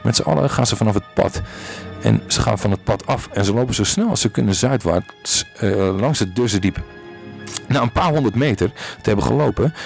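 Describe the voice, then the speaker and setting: A man reading a podcast story aloud, with small slips and restarts, and lifting his voice for the characters. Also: gravelly. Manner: reads aloud with small slips and restarts, jumps higher for quoted lines. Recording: faint music behind.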